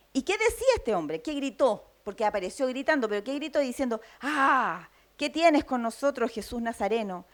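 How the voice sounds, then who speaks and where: A woman with a Chilean accent preaching a sermon, teaching in a steady tone and often checking in with her listeners. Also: fairly high pitch. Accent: Chilean Spanish. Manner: teaching tone, frequent tag questions.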